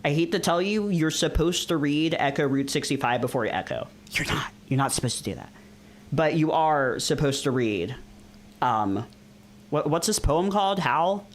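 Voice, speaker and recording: Here a man streams a visual novel read-along, alternating dramatic reading with rambling, jokey chatter and frequent repetition for emphasis. His slightly high voice has lively intonation at normal speed, over a little hiss or hum.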